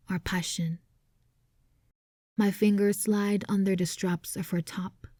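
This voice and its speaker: A woman reads a first-person romance audiobook, taking her time over every phrase. Her voice is soft and mellow and keeps slipping into a breathy whisper. The sound is dry and close, with no room around it. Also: mid-range voice, no echo. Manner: hushed, often sliding into a whisper. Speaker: audiobook narrator.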